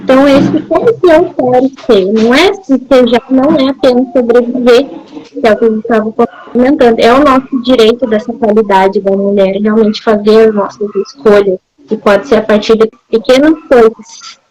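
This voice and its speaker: She is a Brazilian woman who hosts a live talk. Her voice is a touch high, and she speaks earnestly and reflectively in measured phrases. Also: a little mellow, low-quality recording. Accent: Brazilian Portuguese. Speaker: host of a women's live talk.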